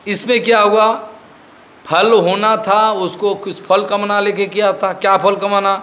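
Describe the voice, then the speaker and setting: Slow, high-voiced male spiritual teacher. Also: flat delivery, a bit bright. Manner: keeps checking that listeners have understood; mixes English words into his explanations. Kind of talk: devotional discourse with storytelling.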